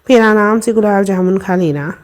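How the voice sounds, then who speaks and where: A woman's voice: medium pitch, normal speed, darkish tone, lightly acted. A woman voicing a bold, teasing young woman who fusses over her friend. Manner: teasing, bossy and affectionate.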